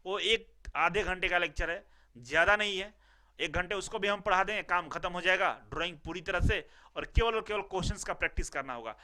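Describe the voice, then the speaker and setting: A young man teaches a recorded class, and his voice sits high and bright. He explains patiently, repeats each point and keeps checking that his students follow. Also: a little fast. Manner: explains step by step, repeats phrases, asks "ठीक है ना" often.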